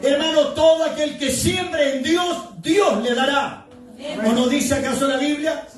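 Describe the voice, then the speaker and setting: High-voiced pastor preaching fervently. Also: male voice, steady tone, a little slow. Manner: fervent preaching, shouts emphatic lines, asks the congregation questions. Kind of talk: evangelical sermon. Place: church sanctuary. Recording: echoey hall, speaker far from mic.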